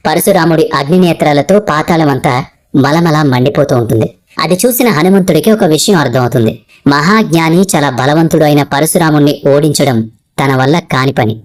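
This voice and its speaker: A woman with a notably low, deep voice reads out an old legend as scripted narration. Her delivery is dramatic yet steady, keeping an even storytelling pull from line to line.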